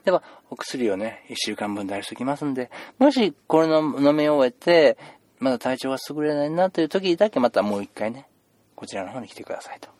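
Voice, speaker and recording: A man's voice: medium pitch, sing-song, brisk, a little mellow, no echo, close to an everyday voice. A man playing a chatty male doctor who rambles with puns and mock-stern scolding, in an improvised comedy role-play. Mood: reassuring. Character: chatty joking male doctor seeing patients.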